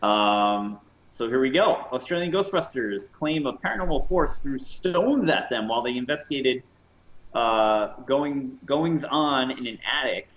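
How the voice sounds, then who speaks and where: A man's voice: mid-range voice, lively intonation, a little slow, a bit bright, highs cut off. A man co-hosting a casual podcast, reading news aloud and often tripping over his words. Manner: stumbling, self-correcting reader. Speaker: co-host.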